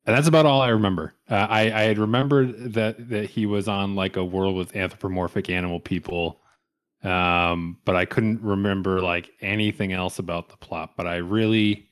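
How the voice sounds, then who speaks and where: A man's voice: sits low, fairly even intonation, normal speed, smooth. A man co-hosting a podcast in casual chat, reading out his research notes with wry, offhand asides. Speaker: podcast co-host.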